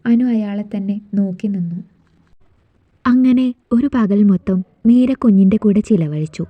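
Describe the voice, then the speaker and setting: A woman narrating a family romance story in a soft, steady storytelling manner, on a dull, dry recording. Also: medium pitch, measured pace, no room sound.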